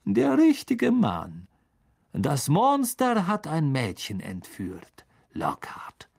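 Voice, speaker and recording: A reader voicing a cold, sarcastic male teacher who speaks slowly in a low, hissing tone. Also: wildly swooping pitch, creaky, husky, heavily acted. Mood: sneering.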